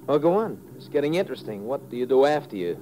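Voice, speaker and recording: A man's voice: medium pitch, lively intonation, fast, warm tone, close to an everyday voice. An American man playing a folksy army sergeant with a slangy, blunt way of talking in a 1950s radio drama. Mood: amused. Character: folksy, easygoing male army sergeant at checkpoint. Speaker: supporting actor. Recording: noisy vintage radio recording.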